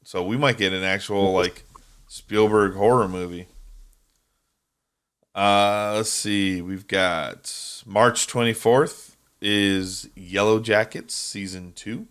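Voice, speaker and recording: A man's voice: on the low side, fairly even intonation, slow pace, a bit bright, clear, resonant tone. A man co-hosting a casual podcast, rambling and chatty, often tripping over names. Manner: rambling, stumbles over names, laughs easily. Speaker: podcast co-host. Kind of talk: casual chat.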